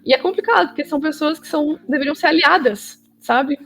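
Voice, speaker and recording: A woman's voice: sits high, a little fast, vocal fry, fairly bright tone, a little hiss or hum. A Brazilian woman in a casual interview, giving opinions in an emphatic, slangy way and repeating phrases for stress. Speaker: interview guest.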